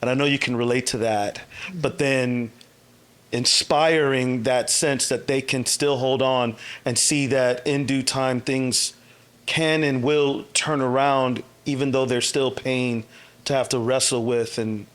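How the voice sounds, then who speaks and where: A man from Tennessee co-hosting a faith-based podcast, speaking in an earnest, measured way. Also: mid-range voice, fairly even intonation, a bit bright, smooth. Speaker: podcast co-host.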